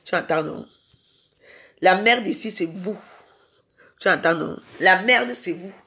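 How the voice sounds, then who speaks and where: A woman's voice: fairly low pitch, unhurried, vocal fry, sharp tone. A woman ranting in a live social media video. She is confrontational and scolding and keeps firing rhetorical questions at her viewers.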